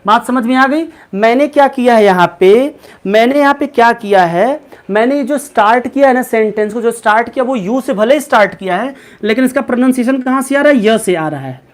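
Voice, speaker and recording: Fairly quick and very high-voiced, a male English teacher runs a live online class. He quizzes students constantly, asks questions more than once, and addresses them by their names and pet names.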